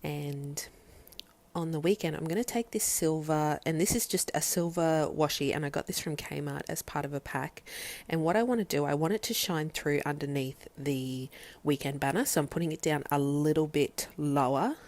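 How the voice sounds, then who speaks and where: A woman's voice: low voice, moderate pace, darkish tone. A young, heavily pregnant woman, slightly out of breath, casually narrating a craft tutorial as a vlogger. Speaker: planner vlogger.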